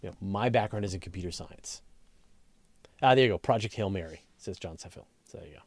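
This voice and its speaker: Speaking a little fast in a low voice, a male science journalist runs a live astronomy Q&A. He reads out questions and improvises answers, rephrasing and thinking aloud in a conversational way, captured in a dry recording.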